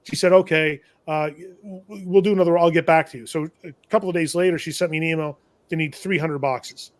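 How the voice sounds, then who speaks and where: Talkative male shop vendor, slightly high voice, rambling anecdote with wry chuckles. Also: fairly even intonation, brisk, dry recording. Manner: rambling, self-correcting, chuckles at own misfortune. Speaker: shop owner and tool vendor. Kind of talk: casual storytelling on a live show.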